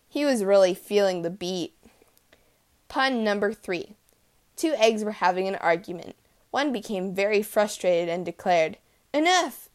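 A woman hosting a podcast, reading out puns in a playful, punchy way. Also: medium pitch. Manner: playful, punchy delivery of jokes. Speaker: podcast host.

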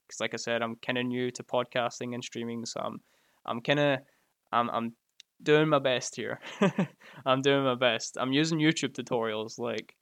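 A man's voice: medium pitch, fairly bright tone, smooth, no echo. Chatty Glaswegian man, dry close mic. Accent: Scottish, Glaswegian. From Scotland. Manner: chatty and joking, laughs often. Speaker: live streamer reading chat. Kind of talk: casual live-stream chat. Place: at home by his computer. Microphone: close mic right in front of the mouth.

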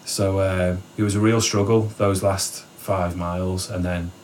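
A man telling a story in casual conversation, animated and laughing often, acting out what people said. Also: sits low, measured pace, a little hiss or hum. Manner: animated, laughs often, acts out quotes with a raised voice. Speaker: guest.

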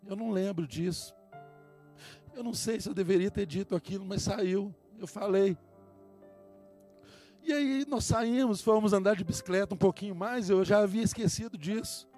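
A man in his thirties preaching a sermon, earnestly addressing the listener as a dear brother and slowing down to stress key words. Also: high-pitched, warm tone.

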